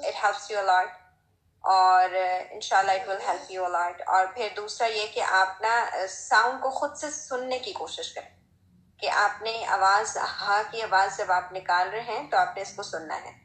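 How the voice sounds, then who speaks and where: A woman giving a recitation lesson, talking slowly and patiently and demonstrating sounds with a strong, breathy h. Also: mid-range voice, a bit bright, reverberant, rough recording. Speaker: Quran recitation teacher. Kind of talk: Tajweed lesson.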